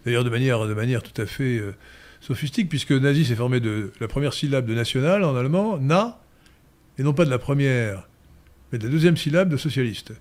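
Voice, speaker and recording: A man holds forth in a political talk, pausing often to search for words before pressing his points with emphasis. His voice sits at an ordinary middle pitch. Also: expressive, darkish tone. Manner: lecturing, many hesitations, emphatic. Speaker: guest commentator. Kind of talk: political discussion.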